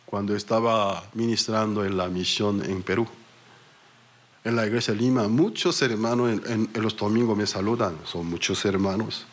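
A man's voice: on the low side, moderate pace. A male pastor from Korea preaching in a Korean accent, telling stories with self-mocking humor and small slips. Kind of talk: sermon.

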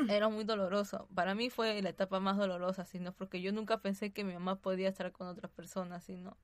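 A woman's voice: mid-range voice, steady tone, fast talker, no echo. A woman giving a hesitant personal testimony as a radio guest, tagging her sentences with "así, ¿no?". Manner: soft-spoken, hesitant storytelling.

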